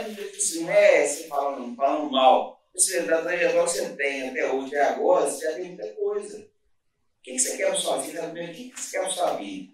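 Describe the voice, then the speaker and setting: A man with a Brazilian Portuguese accent, a business owner telling his story in a casual interview, earnest and rambling with many restarts. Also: a little high. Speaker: guest, restaurant and bakery owner. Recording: echoey room, mic at a distance.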